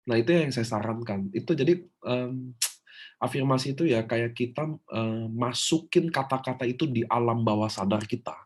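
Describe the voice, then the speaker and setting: A man giving a preachy, animated motivational training talk to his team. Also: medium pitch, normal speed. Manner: preachy, animated, shouts example affirmations. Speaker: business trainer.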